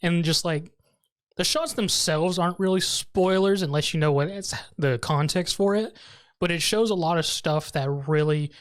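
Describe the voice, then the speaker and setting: A man's voice: a little high, normal speed. A man co-hosting an anime podcast, chatting casually and agreeing in a laid-back way. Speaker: podcast co-host.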